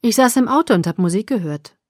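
A calm, self-assured teenage boy speaks slowly and teasingly in a storybook reading, as a woman narrator puts him on. He sounds amused and unhurried. The voice sits close and dry, with almost no room sound. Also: mid-range voice, no room sound, natural voice.

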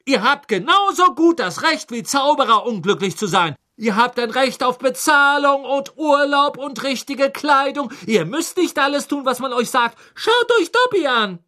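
A man's voice: very high-pitched, lively intonation, moderate pace, few pauses, sharp tone, voice pushed up, exaggerated voice. A man voicing an outspoken, indignant teenage schoolgirl in a raised, lecturing voice for an audiobook.

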